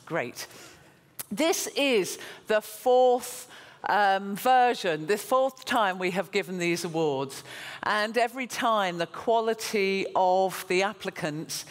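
A woman chairing an awards jury, giving a measured, enthusiastic ceremony speech. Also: mid-range voice. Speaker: jury chairperson, museum director. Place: large conference hall. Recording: hall reverb on stage mic.

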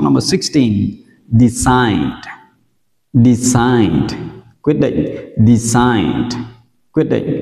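A man's voice: medium pitch, creaky, a little mellow. A man from Vietnam teaching English vocabulary, saying each word several times and asking students to repeat after him. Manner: slow, drills words for repetition. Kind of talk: vocabulary pronunciation lesson. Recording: roomy echo with long reverb.

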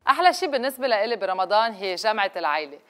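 With music in the background on the indoor kitchen set, the Lebanese-accented cooking host in her thirties walks through a recipe to camera very fast. Her mid-range voice is sing-song, and she slips English words into what she says.

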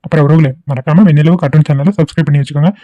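A man's voice: on the high side, fairly even intonation, racing, dry recording, dull audio. A man channel host giving a friendly, inviting introduction to viewers.

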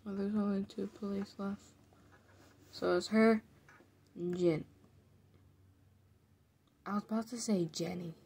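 Brief: sleepy woman commentating a game, gravelly and unhurried, low energy, mumbles and whispers. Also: steady tone. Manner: soft, mumbled, drifts into whispers. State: just woke up, low energy. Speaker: gaming video creator. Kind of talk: casual gameplay commentary.

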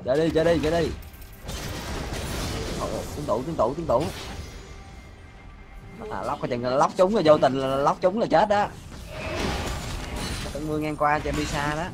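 A man streaming a game, loudly teasing and shouting at his teammates. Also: a little high, normal speed, pauses often. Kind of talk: excited gameplay commentary. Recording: game music behind.

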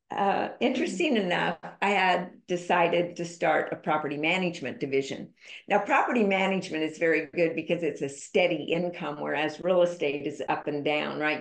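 A woman's voice: sits low, creaky. A woman guest on a podcast, telling a personal story in an emphatic, candid way. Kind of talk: conversational storytelling interview. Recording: roomy echo.

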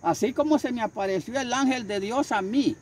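An older man, a street preacher, telling his story in a husky voice with fervent repetition and acted-out voices. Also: extremely high pitch, a little fast, over a noisy crowd. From Honduras. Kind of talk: storytelling interview.

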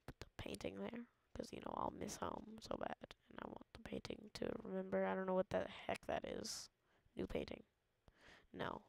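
A woman's voice: mid-range voice, creaky, dry recording. A woman giving playful, jokey let's-play commentary, mock-dramatic and often dropping into a whisper. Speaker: gamer.

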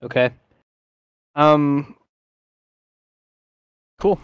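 Man, game master, relaxed narration, close dry sound. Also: a little high, extremely slow, clear, resonant tone, no room sound, dull audio. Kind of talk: running a tabletop game, narrating and voicing a shopkeeper.

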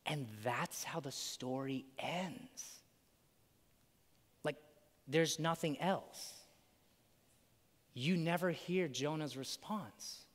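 A man preaches in a loose, conversational way, tossing in "right?" and acting out little scenes. His voice sits a bit high, and a long church reverb trails each phrase. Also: drawn-out words, pauses often. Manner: casual, conversational, full of "like" and "right?"; animated, acts out quotes. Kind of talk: sermon. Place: church sanctuary.

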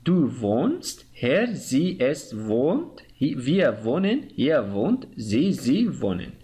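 A man's voice: on the high side, darkish tone. Hesitant man with an Afghan Dari accent teaching German. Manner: hesitant, many filler sounds, slow careful German conjugations. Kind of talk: explaining grammar, conjugating verbs aloud.

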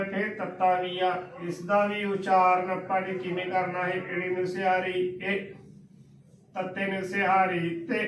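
A man from Punjab, patiently teaching pronunciation by spelling each word letter by letter and repeating it slowly. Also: sits high, fairly bright tone. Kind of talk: slow spelled-out recitation lesson. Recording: echoey room, voice from a distance.

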